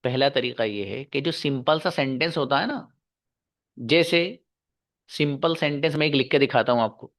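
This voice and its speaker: Patient male teacher repeating slowly. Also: medium pitch, fairly bright tone. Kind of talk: online English grammar class.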